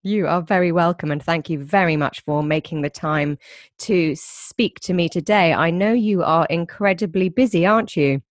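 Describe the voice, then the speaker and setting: A woman's voice: on the low side, moderate pace, no room sound, clean studio sound. A woman host presenting and interviewing a guest in a conversational, presenter-like style. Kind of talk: scripted introduction and conversational interviewing.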